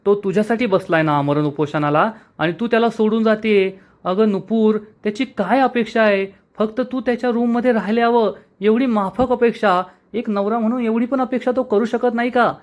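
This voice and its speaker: A man's voice: high-pitched, brisk, hardly any pauses, voice pushed up, close to an everyday voice. A man reading the lines of a bossy older sister who reproaches the bride. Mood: reproachful.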